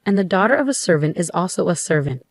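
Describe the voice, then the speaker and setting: A woman's voice: fairly low pitch, animated, fast, dry recording, clean studio sound. A woman voicing a domineering older mother-in-law who scolds and commands harshly. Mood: scolding.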